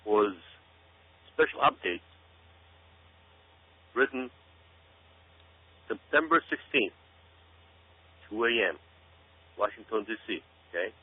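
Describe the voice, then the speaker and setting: Slowly and with frequent pauses, a man with a lowish, slightly rough voice and lively intonation gives listeners emphatic, dramatic commentary as a guest, repeating himself for effect. It comes through tinny, phone-like radio audio with hum.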